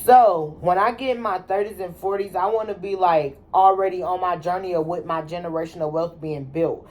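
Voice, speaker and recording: With a fairly low, slightly mellow voice that runs a little fast, this twenty-something channel host keeps things casual. She's blunt, curses freely and talks in slang.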